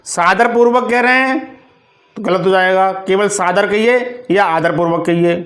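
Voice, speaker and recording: High-voiced man teaching, slow and deliberate. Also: fairly bright tone. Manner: slow, deliberate, word-by-word dictation of correct and incorrect forms. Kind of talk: Hindi grammar lesson for exam preparation.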